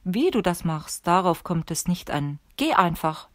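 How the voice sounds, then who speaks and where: Woman reading as an old male sorcerer, stern, instructive, measured, lowish voice, dry audiobook sound. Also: big pitch swings, no echo.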